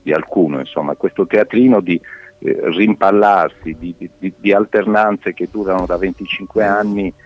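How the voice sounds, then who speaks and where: A man's voice: low-pitched, steady tone, moderate pace. A middle-aged man, a mayor, speaking earnestly over a landline phone in a live radio interview, with frequent hesitations and restarts. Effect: heard over a landline phone. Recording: dull lo-fi phone line.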